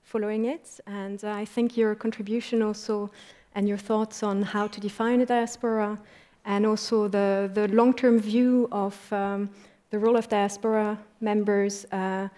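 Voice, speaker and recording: A woman moderating a panel, thanking a speaker and handing the floor to the next, measured with some fillers. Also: medium pitch, flat delivery, dark tone.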